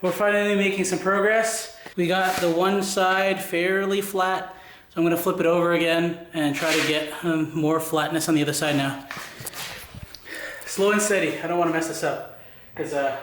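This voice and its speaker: A man's voice: a little high, steady tone, moderate pace, fairly bright tone. A man chatting casually in a workshop vlog, out of breath and sweating, talking himself through the job with self-deprecating asides. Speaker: woodworking vlogger. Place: home workshop. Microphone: handheld USB mic. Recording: echoey workshop, faint noise.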